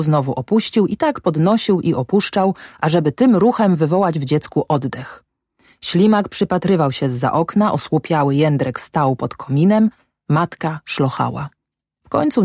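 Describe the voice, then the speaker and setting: A woman narrating a story in a steady, measured reading. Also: low voice, no room sound, studio quality. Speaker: audiobook reader. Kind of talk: scripted narration.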